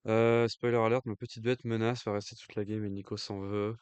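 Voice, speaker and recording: Low, clear-voiced French man commentating. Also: level tone, fairly quick, darkish tone, no room sound, lo-fi sound. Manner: thinking aloud, hesitant fillers; jokey aside in accented English. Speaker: stream commentator. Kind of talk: casual live card-game commentary.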